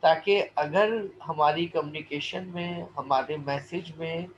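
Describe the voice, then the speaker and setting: A male lecturer explaining points quickly, then reading English passages slowly and deliberately, on a dull lo-fi recording. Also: fairly high pitch. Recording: dull lo-fi recording with faint noise.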